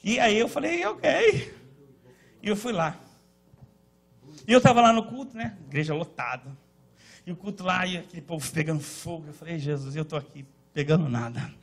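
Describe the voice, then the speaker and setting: A man from Northeast Brazil with a Northeastern Brazilian accent, preaching a sermon at a church service, moving between loud shouting and quiet storytelling. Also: sits high, normal speed, gravelly, pauses often. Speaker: pastor.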